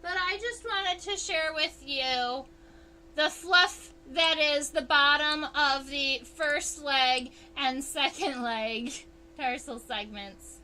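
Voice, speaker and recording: Slow, bright-voiced woman entomologist. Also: high-pitched, slight background noise. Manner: chatty, unhurried, reads chat aloud. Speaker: entomologist livestream host. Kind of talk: casual livestream teaching.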